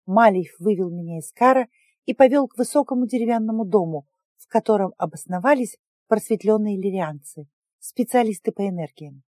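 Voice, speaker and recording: A woman reading a first-person story in an even, measured manner. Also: mid-range voice, no echo, studio quality. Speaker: audiobook narrator.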